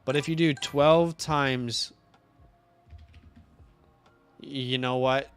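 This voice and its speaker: A young man in his twenties co-hosting a casual live stream, rambling and working through numbers out loud at a steady middle pitch. Faint music sits behind his voice. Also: very slow. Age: 20s. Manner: rambling, thinks aloud, counts out loud. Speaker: co-host. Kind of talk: casual livestream chat.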